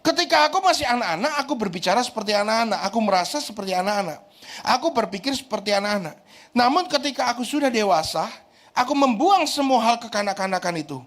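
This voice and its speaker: A middle-aged pastor gives a chatty, joking sermon, repeatedly asking the congregation "right?" and slipping English phrases in. His voice sits high and a bit bright, with lively intonation and a fast delivery.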